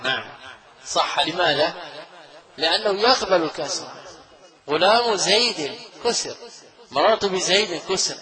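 A man's voice: fairly high pitch, fairly bright tone, rough recording. A man teaching a grammar lesson in a classroom lecture style, explaining step by step, repeating key phrases, asking his students rhetorical questions and chuckling often as he goes. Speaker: Islamic scholar teaching Arabic grammar.

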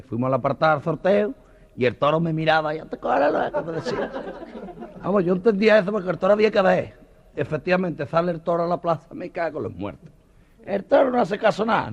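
A comedian voicing a boastful, frightened male banderillero telling a tall tale in an excitable, breathless way, on a dull cassette recording. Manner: breathless, high-pitched and excitable.

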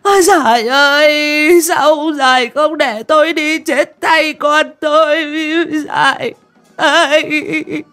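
A man voicing a grieving old village widow who wails her lament in a high, tearful, sing-song voice. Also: fairly even intonation, takes it slowly, pushed and bright, faint music behind, full character voice. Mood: wailing grief. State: crying.

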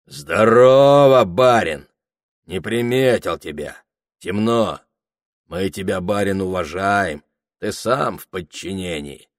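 A man voicing a drunk, bearded peasant who rages and shouts in despair. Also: low-pitched, expressive, slow, no echo, clean studio sound. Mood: gruffly mocking. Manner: shouting, bellowing.

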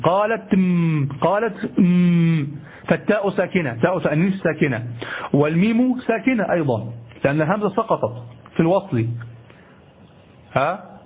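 A man teaching an Arabic grammar lesson to a class. He repeats key phrases slowly and checks in with his students as he goes. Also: sits high, husky. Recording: muffled lo-fi lecture recording.

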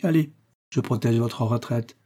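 Reader voicing a veteran army scout, calm command, dark husky tone, audiobook. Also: male voice, mid-range voice, a little slow, lightly acted. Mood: steady.

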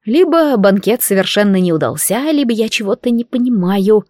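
A woman's voice: medium pitch, expressive, normal speed, a little mellow, no echo. A woman reading a first-person story in a wry, lightly ironic way, close to the mic. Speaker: audiobook narrator. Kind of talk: first-person scripted narration.

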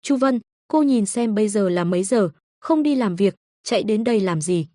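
A woman's voice: medium pitch, lively intonation, moderate pace, warm tone, no echo, clean studio sound, lightly acted. A woman voicing a spiteful, scheming older mother-in-law who scolds and curses shrilly in a storybook reading. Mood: scolding.

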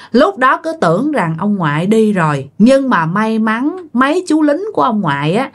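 Woman telling a story. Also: mid-range voice. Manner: conversational, addresses listeners directly. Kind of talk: spoken ghost-story narration.

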